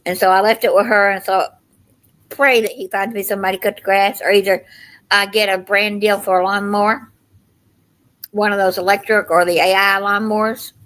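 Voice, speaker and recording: A woman's voice: medium pitch, level tone, brisk, fairly bright tone, poor audio. An older woman with a Southern US accent, chatting casually to livestream viewers in a folksy, meandering storytelling way. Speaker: livestream host.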